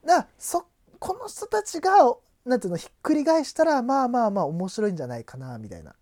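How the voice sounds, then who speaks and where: A man's voice: extremely high pitch, sing-song, a little fast, a little mellow, no echo, studio quality. A young man co-hosting a podcast, chatting casually and explaining things at length with many fillers and restarts. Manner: rambling explanations full of fillers. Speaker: podcast co-host. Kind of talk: casual chat.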